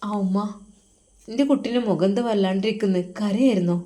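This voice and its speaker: A woman's voice: mid-range voice, brisk, warm tone, lightly acted. A woman voicing an older mother who talks to her grown son in a tender, coaxing, motherly way. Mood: worried.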